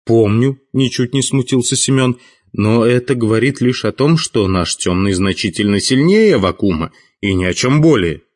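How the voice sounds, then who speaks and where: A man reading a calm veteran mage. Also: mid-range voice, moderate pace, lightly acted.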